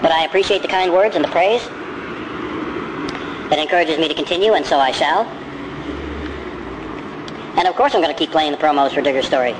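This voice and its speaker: A podcast host's voice sped up into a high, squeaky chipmunk pitch, belonging to a man who rambles and keeps correcting himself. Steady noise from traffic and the street sits under the whole recording. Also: brisk, pauses often. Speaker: podcast host. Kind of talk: casual podcast monologue.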